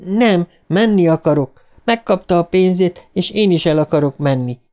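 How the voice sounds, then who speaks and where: A man voicing a frightened asthmatic boy in an audiobook, protesting in a shrill, desperate way. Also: animated, a little mellow, faint music behind. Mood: pleading.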